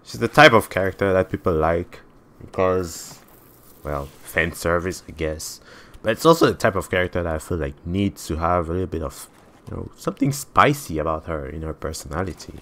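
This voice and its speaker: A native French speaker in his twenties, with a French accent, gives casual, blunt gameplay commentary and swears freely. His voice sits low and is a bit bright, animated, at a moderate pace.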